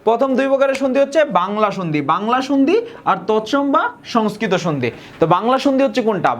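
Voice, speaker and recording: A young man from Bangladesh, teaching a grammar lesson and often repeating key points and slowing down on example words. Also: sits high. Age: young adult. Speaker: tutor.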